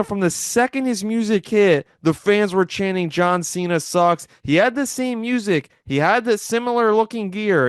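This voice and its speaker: A man with a high, clear voice delivers a commentary-style recap. He often repeats and restarts words as he goes. The sound is dry and close, with very little room on it. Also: no echo. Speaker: wrestling commentator.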